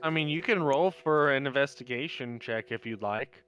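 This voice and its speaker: A man game-mastering a tabletop session on a stream, narrating in a casual, rambling way. His voice is bright and forward. Faint music runs underneath. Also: mid-range voice, moderate pace. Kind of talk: running a tabletop game on a livestream.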